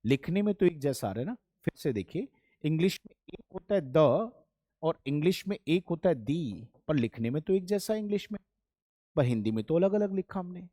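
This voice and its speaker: Man, grammar lesson, warm dark tone, dry close sound, patient explaining. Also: on the high side, dry recording. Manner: patient, repeats points, calls students "beta" and "bachhon". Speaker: English grammar teacher. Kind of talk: classroom lesson.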